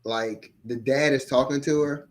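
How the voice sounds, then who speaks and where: A man chatting casually on a podcast, animated and swearing freely. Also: mid-range voice, unhurried. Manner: animated, swearing, acts out quotes.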